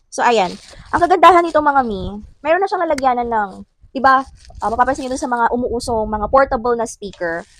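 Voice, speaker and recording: Chatty Filipina vlogger, slightly high voice. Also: female voice, a little hiss or hum. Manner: chatty, addresses viewers as sis, laughs often. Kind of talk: casual unboxing vlog.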